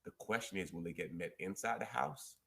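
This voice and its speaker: A man hosting a relationship advice chat, emphatic and preachy, quoting scripture and repeating key points slowly. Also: low-pitched, animated, creaky, sharp tone.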